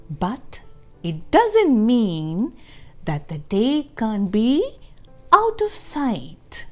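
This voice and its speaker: A woman with a voice on the high side hosts a read-aloud of a children's storybook. She reads expressively and deliberately, adding explanations and questions meant for young listeners.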